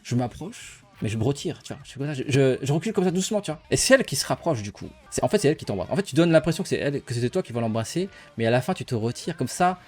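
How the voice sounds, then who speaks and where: A man's voice: mid-range voice, sing-song, racing, few pauses, a little mellow. A young man casually telling a personal story to his viewers, rambling and playful, laughing often as he goes.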